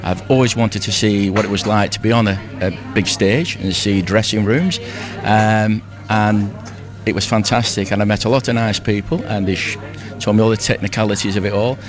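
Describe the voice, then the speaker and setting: A Lancashire man in his sixties, an amateur pantomime performer, chats effusively as a guest on a casual live radio interview, often repeating himself. His fairly low voice has fairly even intonation at a moderate pace, heard over music.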